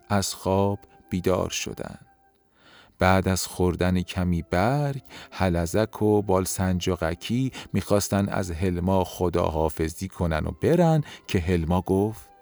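A man narrating a children's bedtime story in a gentle, unhurried way. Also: fairly low pitch.

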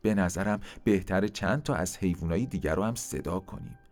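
A man's voice: deep voice, darkish tone, soft background music, lightly acted. A man playing a patient mother crow. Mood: gentle. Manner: patient, instructive. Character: careful, gentle mother crow.

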